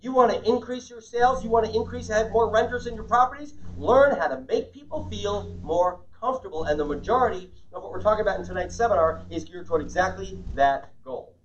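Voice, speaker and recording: A man's voice: brisk, hardly any pauses, slight background noise. A man giving a live sales seminar. His voice swings up and down with lots of inflection, and he keeps asking the audience questions. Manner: highly inflected, animated delivery. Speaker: sales communication trainer. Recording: distant mic, dull muffled sound.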